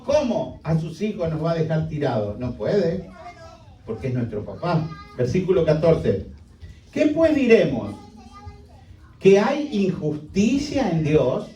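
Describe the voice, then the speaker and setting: A man's voice: sits high, warm tone. A male pastor preaching a sermon emphatically, with many rhetorical questions. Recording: echoey hall, distant mic.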